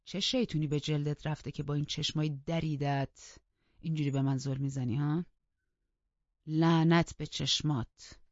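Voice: mid-range voice, a little mellow, dry recording, lightly acted. A reader doing a harsh, brooding house master. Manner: angry, scolding. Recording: dull lo-fi dry recording.

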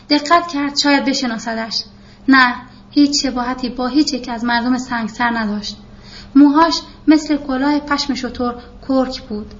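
A woman's voice: high-pitched, a bit bright, muffled recording. A woman narrating a novel as a scripted audiobook reading, giving the characters' lines in her own voice.

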